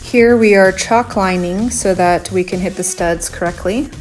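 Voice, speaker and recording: A chatty woman in her thirties talks through her home renovation in a casual vlog voice-over. She is blunt and relaxed, often filling pauses with "um". Faint music plays underneath. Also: mid-range voice. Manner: chatty, blunt, with frequent "um" fillers.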